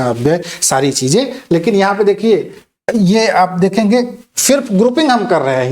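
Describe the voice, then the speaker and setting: Slow, patient Hindi grammar teacher. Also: mid-range voice, a little mellow. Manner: explains step by step, often checks in with listeners. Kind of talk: exam-prep grammar lecture.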